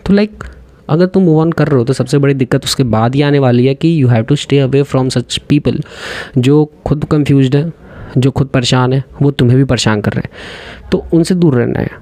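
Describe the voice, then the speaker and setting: A man's voice: mid-range voice, moderate pace, warm tone, dry recording. A young man in his twenties from India, a dental student giving earnest, direct advice to exam takers in a casual vlog, often slipping into English phrases.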